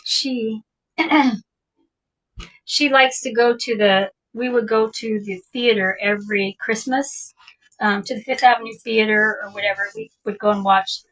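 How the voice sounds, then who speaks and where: A woman's voice: a little high, fairly even intonation, measured pace, a bit bright, recorded from a distance, poor audio. A woman casually telling a personal story in a chatty, rambling way, laughing often as she talks. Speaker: vintage shop owner telling a personal story.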